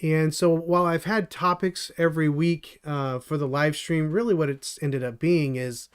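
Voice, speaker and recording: Middle-aged male host, slightly high voice, earnest rambling mentor talk, dry throat. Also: steady tone, moderate pace, smooth. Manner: earnest and rambling, many restarts and fillers. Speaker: channel host and developer mentor. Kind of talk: solo live stream talk.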